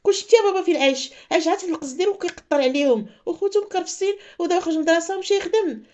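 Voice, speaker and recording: A woman's voice: extremely high pitch, lively intonation, very fast, darkish tone, voice pushed up. A woman with a Moroccan accent voicing a tearful schoolgirl pleading with her father in a story. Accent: Moroccan Arabic.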